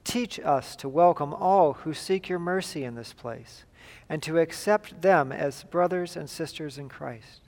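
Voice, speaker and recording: A man leading liturgical prayer as a pastor, in a solemn, measured and formal way, with a long cathedral-like echo. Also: fairly high pitch, a little mellow. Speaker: pastor leading a church service. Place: large reverberant church.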